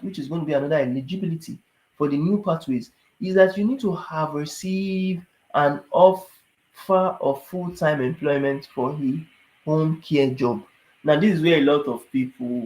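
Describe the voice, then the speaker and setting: A man, slightly high-pitched, talks viewers through immigration requirements in an animated, rhetorical way. He keeps checking that they understand. He sounds tired, and his voice echoes around the room. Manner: animated, asks rhetorical questions, repeats "do you understand". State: tired, yawning. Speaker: immigration advisor. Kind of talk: casual explainer talk to viewers.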